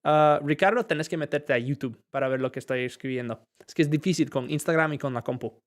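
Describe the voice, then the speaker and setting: Guy teaching english live online, kinda high voice, switches languages mid sentence, cheers students on. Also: quick pace. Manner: encouraging, explains step by step.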